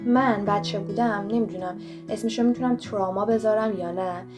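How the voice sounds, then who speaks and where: A woman's voice: medium pitch, fairly even intonation. A young woman vlogger giving motivational advice, talking straight to the viewer in a direct, coaching way. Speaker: self-help vlogger. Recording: voice over clear background music.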